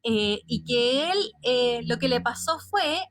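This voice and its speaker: A Chilean woman hosting a radio show, telling anecdotes in a lively, casual way. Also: on the high side, slow, no room sound. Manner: lively storyteller, animated retelling. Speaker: radio host.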